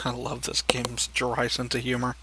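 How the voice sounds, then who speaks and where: A man's voice: medium pitch, completely flat delivery, moderate pace, noisy background. A man hosting a gaming video with casual, wry commentary, muttering asides to himself as he plays. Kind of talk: casual let's play commentary. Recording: loud game music behind voice.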